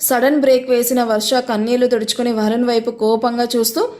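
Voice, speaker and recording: A woman narrating a dramatic romance story with steady, expressive storytelling. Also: a little high, a little fast.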